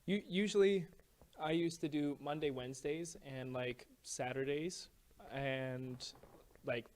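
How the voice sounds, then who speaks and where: A man's voice: on the high side, takes it slowly, a little mellow. Young man rambling through a casual story. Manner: rambling storyteller, many fillers and restarts. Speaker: podcast guest, lifeguard and swim instructor. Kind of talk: casual podcast chat.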